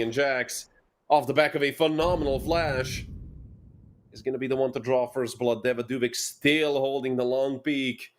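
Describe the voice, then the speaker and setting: A man casting a competitive shooter match solo, giving quick play-by-play with dry asides. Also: medium pitch, background noise. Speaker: esports caster.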